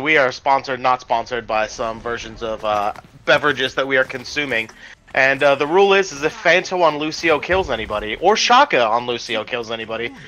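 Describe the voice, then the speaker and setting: A man's voice: medium pitch, pushed and bright. A man casting an amateur video game match with playful, rambling play-by-play commentary full of ums. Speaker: esports caster.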